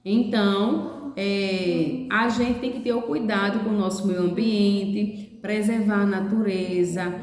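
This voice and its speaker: A woman's voice: medium pitch, fairly even intonation, slow pace, darkish tone. A woman teaching a class of young children, explaining each step patiently and checking often that they follow. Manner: patient, explains step by step, ends phrases with "certo?". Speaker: preschool teacher. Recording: echoey room.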